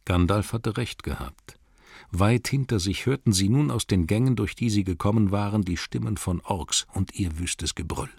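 A man narrating a storybook in a measured, dramatic reading, slowing down for emphasis. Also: lowish voice, gravelly, darkish tone, slightly rough, dry recording, studio quality. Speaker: audiobook narrator.

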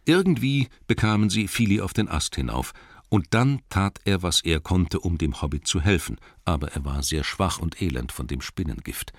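A man narrating a storybook in an expressive, lively way, with asides to his listeners. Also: very deep voice, dry recording, studio quality. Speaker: audiobook narrator.

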